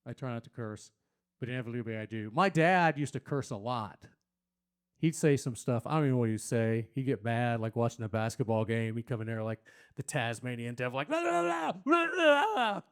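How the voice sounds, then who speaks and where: A stand-up comedian performs on a small venue stage, delivering a crude, rambling set, addressing the crowd and using loud silly voices for quotes. His voice is medium-pitched, clear and resonant, and he talks a little fast.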